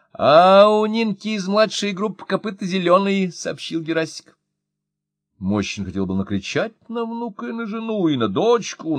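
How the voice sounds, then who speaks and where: A man narrating an audiobook with expressive storytelling. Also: mid-range voice, dry recording.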